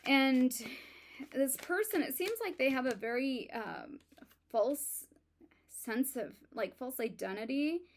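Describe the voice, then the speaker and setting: Slow, halting woman reading tarot. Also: high-pitched, expressive. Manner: halting, many ums and likes, self-admitted stuttering. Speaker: tarot reader. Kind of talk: casual tarot reading to viewers.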